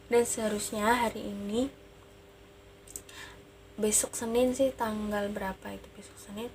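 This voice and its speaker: A woman's voice: mid-range voice, slight background noise. A woman vlogger telling a personal story into a phone mic in an emotional, sorrowful way, often addressing her viewers as guys. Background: background music.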